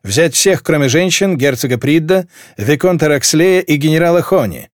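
A man's voice: a little high, expressive, normal speed, no echo, clean studio sound, lightly acted. A man voicing a stern male marshal who gives curt, clipped orders in an audiobook. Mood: commanding.

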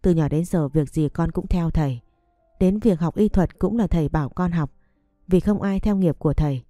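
Calm firm young noble guy read by a woman, low mellow voice, dry close sound w/ faint music. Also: normal speed, no room sound, natural voice.

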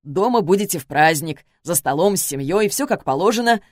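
Brief: a woman playing a jolly hospital doctor, lowish voice, dry studio. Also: lively intonation, fairly quick, dry recording. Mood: upbeat. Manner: upbeat, joking. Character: cheerful joking male ward doctor.

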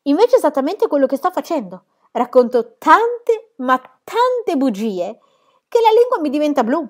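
A woman voicing a bold, cheeky young girl who tells tall tales, loud and teasing. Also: sits low, steady tone, normal speed.

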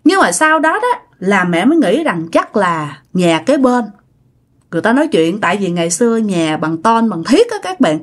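A woman's voice: mid-range voice, sing-song, normal speed. Woman, Southern Vietnamese accent, casual ghost-story narrator, talks straight to listeners. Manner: chatty, addresses listeners directly.

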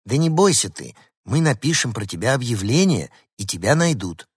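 A man voicing an excitable, bossy young red-haired girl who talks high and loud. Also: normal speed, husky, no echo, studio quality. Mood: excited.

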